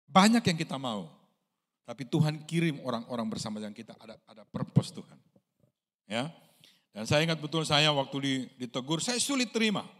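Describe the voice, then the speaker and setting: A man's voice: very animated, fairly quick, fairly bright tone. A man from Indonesia, a pastor, preaching a sermon in a conversational storytelling way, asking the congregation questions and acting out quoted voices. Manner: storytelling, acts out quoted voices with big pitch jumps.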